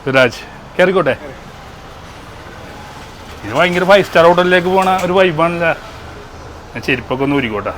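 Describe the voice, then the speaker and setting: A man's voice: fairly high pitch, animated, fairly quick, pauses often, fairly bright tone, poor audio. A man with a Kerala Malayali accent hosting a casual vlog, slangy and exclamatory as he addresses viewers. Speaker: vlog host. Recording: faint engine and outdoor noise.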